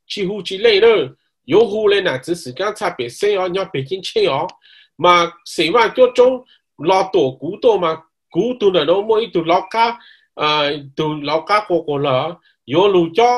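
Man teaching ritual verses, slightly high voice. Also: fairly bright tone. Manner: mixes in English words. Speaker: cultural course instructor.

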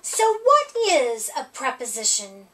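Over a noisy background, a middle-aged woman reads a picture book aloud at storytime at a slow pace. Her high voice makes huge pitch swings, and she leans on the rhymes in sing-song fashion.

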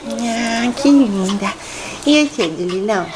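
Woman dog owner, slow sing-song baby talk, steady background noise. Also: a little high. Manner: cooing, affectionate pet talk.

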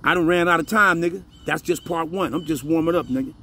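Scripture comes slowly and emphatically from a man whose voice sits on the high side, pushed and bright. He teaches the Bible in a casual, profane style, repeats phrases, and keeps asking if you're with him.

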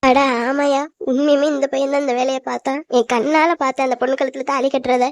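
A woman's voice: sits high, level tone, fast, no room sound, clean studio sound. A woman voicing an old grandmother who runs a village shop in a cartoon drama, speaking in a plain, lamenting way.

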